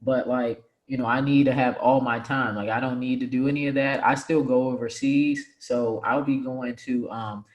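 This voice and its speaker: Male guest, twenties, laid-back rambler, mid pitch, echoey room. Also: normal speed, few pauses, muffled recording. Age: 20s. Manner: relaxed, rambling, many fillers like "like" and "right?". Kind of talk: casual interview chat. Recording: roomy, echoey room sound.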